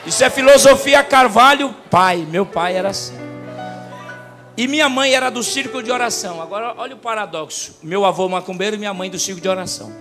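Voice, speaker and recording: A man preaching a sermon as a pastor, telling stories and swinging from soft talk to loud preaching. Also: sits high, brisk. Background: music.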